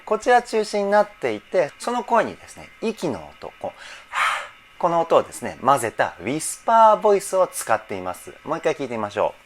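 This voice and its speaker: A man working as a vocal trainer, analyzing singing in a reaction video, emotional and teary, often laughing. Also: a little high. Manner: emotional, repeatedly laughing and moved.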